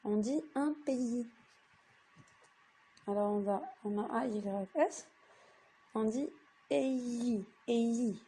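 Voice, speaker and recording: Slow, patient woman teaching reading. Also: on the high side, dark tone, slightly rough. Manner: slow, patient, repeats each word. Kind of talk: reading lesson for young children.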